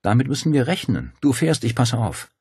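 A man's voice: mid-range voice, sing-song, a little fast, a little mellow, breathy edge, no room sound, studio quality, voice pushed up, exaggerated voice. A man voicing a determined young woman who speaks urgently and decisively.

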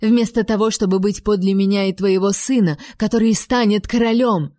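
A woman voicing a drunk, jealous noble duchess who sneers and shouts spitefully in an audiobook. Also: medium pitch, fairly even intonation, moderate pace, no room sound, studio quality, lightly acted. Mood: spiteful shouting.

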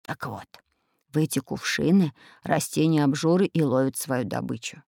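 A woman voicing a calm, learned elderly male professor who lectures. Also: low-pitched, normal speed, creaky, no room sound, clean studio sound. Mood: lecturing.

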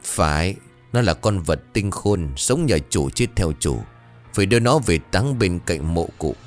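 A man's voice: low voice, lively intonation, measured pace, soft background music. A man voicing a furious, grieving middle-aged village lord who gives harsh, teeth-gritted commands.

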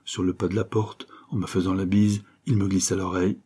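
A man reading a first-person crime novel aloud, expressive and voicing the dialogue himself. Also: low-pitched, fairly quick, breathy edge. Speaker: audiobook narrator.

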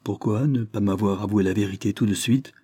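Un homme lit le rôle d'un lord sévère qui fait des reproches, dans un roman. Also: male voice, lowish voice, fairly quick, dark tone, slightly rough. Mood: reproachful. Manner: stern, reproachful. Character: stern older lord, frowning and reproachful.

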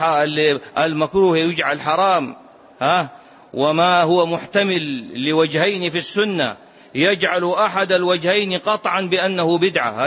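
A man's voice: on the high side, a bit bright. A man teaching a religious lesson on a classical text. He repeats key phrases for emphasis and asks his listeners rhetorical questions. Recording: dull lo-fi lecture recording.

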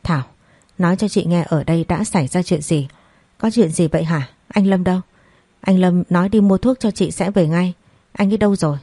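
A woman's voice: fairly low pitch, brisk, dark tone, slightly rough, dry recording, clean studio sound. A woman reading the part of a distraught young bride, pleading in anxious questions. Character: distraught young bride searching for her fiancé.

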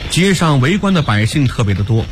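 A male storyteller narrating a radio story in an animated, expressive manner. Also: medium pitch, brisk, noisy background. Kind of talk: dramatic Chinese storytelling narration.

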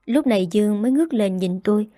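A woman reading a first-person romance audiobook in a steady, even way. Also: mid-range voice, fast talker, no echo, clean studio sound. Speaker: narrator.

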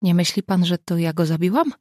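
A woman's voice: lowish voice, animated, a little fast, darkish tone, no echo, clean studio sound. A woman reading a frightened young woman. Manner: timid, trembling, whispering.

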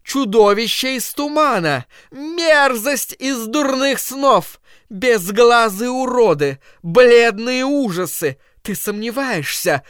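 A man doing a shrill old doomsday prophetess. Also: animated, a bit bright, clear, resonant tone, no room sound, studio quality, full character voice. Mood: frenzied. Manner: slow, drawn-out, preaching and shrill. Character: fanatical old woman prophesying doom.

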